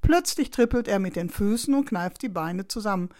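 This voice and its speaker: A woman's voice: medium pitch, normal speed. Woman reading a children's story. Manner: lively, expressive reading. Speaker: narrator.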